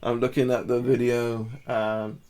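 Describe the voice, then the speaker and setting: A man's voice: mid-range voice, level tone, measured pace, a little mellow, clear, resonant tone. A man giving casual body-language commentary to camera, talking the viewer through poses and demonstrations.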